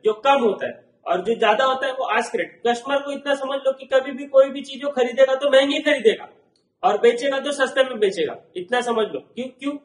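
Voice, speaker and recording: Indian-accented male lecturer, high voice, keeps asking the class questions, roomy echo. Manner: explains with everyday examples, asks the class repeated check questions. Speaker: teacher.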